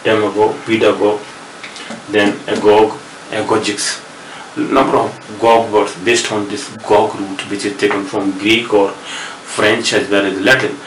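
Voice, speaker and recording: Older Indian professor lecturing in an echoey room. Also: male voice, on the low side, little pitch movement, drawn-out words. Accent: Indian English. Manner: explains patiently, repeats and spells out words. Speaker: professor teaching English word roots. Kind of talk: classroom lecture mixing Hindi and English. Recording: echoey room, distant mic, noisy.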